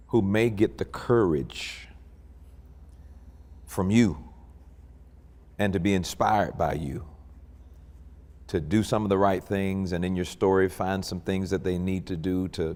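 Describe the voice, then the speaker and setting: A male pastor hosts a talk show and interviews a guest with slow, earnest phrasing. His voice sits low. A long reverb trails behind it. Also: a little mellow.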